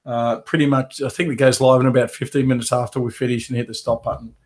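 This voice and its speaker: A man hosting a live coaching webinar from his home office, his voice worn down by a head cold. He talks casually and rambles, with plenty of "um"s and restarts, at a middling pitch. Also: little pitch movement, fast, a little mellow. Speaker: carpet cleaning business coach.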